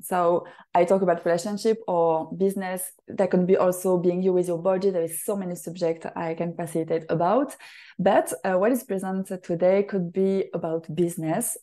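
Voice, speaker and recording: Woman host, French accent, mellow tone, earnest halting delivery. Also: on the low side. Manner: earnest, halting, repeats a rapid formula. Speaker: podcast host and facilitator. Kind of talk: solo podcast talk.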